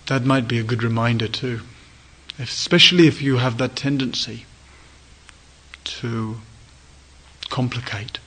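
A male meditation teacher giving a dharma talk at a retreat, speaking gently in short, inviting phrases with pauses. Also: medium pitch, breathy edge, low-quality recording.

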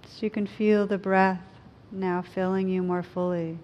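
A woman with a medium-pitched voice gives a reflective meditation talk. She guides gently, leaving frequent pauses between short phrases. A low rumble of background noise sits behind her voice. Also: level tone, highs cut off. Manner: unhurried, gentle guiding delivery with frequent pauses. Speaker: meditation teacher.

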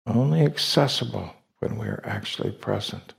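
This meditation teacher, a man with a fairly low, expressive and creaky voice, guides listeners through short, deliberate phrases broken up by long pauses.

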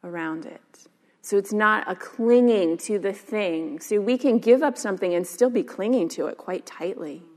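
A meditation and yoga teacher gives a casual, chatty dharma talk in a medium-pitched, slightly mellow voice at a moderate pace. She scatters "like" and "um" throughout, and the meditation hall adds long reverb.

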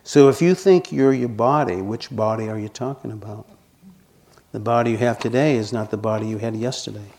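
A man in his sixties giving a dharma talk as a meditation teacher, gently humorous and self-deprecating. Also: fairly low pitch, fairly quick. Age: 60s.

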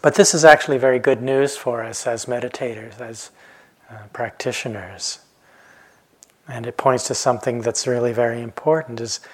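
Slow, reflective man in his fifties. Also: medium pitch. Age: 50s. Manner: calm, reflective, pausing often with soft trailing phrases. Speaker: meditation teacher. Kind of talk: dharma talk. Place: retreat center hall.

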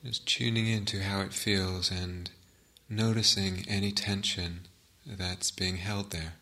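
A man teaching guided meditation speaks gently and unhurriedly, leaving long pauses. His voice is low-pitched and level.

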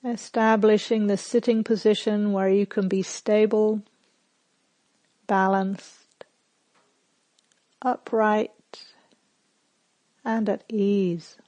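Leading a guided meditation, a woman teacher speaks in a calm, gentle, measured way with long pauses. Her voice is mid-range and the recording is dry.

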